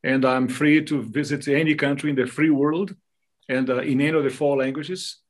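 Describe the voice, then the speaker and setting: Speaking at a moderate pace in a mid-range voice, this interview guest explains devotional subjects. He's from Brazil, a native Portuguese speaker whose Brazilian accent comes through.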